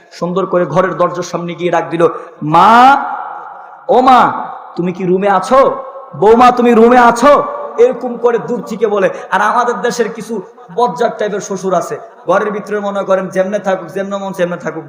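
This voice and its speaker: A man's voice: high-pitched, echoey room, in a large hall. A man from Bangladesh preaching a sermon in a sing-song style, telling a story and voicing its people in quoted lines. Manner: sing-song preaching that rises into loud sustained chanted lines.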